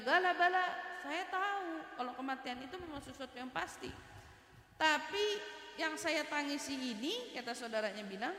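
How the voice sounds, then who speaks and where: A high, bright-voiced woman teaches an Islamic study lecture, weaving Arabic quotations into a lively story. She moves between loud urgent stretches and hushed ones. Her voice rings through a large room with a long, echoing reverb. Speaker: religious teacher. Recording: echoey hall with long reverb.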